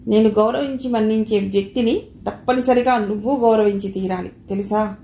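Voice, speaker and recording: A woman's voice: a little high, normal speed, dark tone, roomy sound, a little hiss or hum, lightly acted. A woman doing a stern commanding patriarch. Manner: stern and authoritative. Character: commanding middle-aged man, household patriarch.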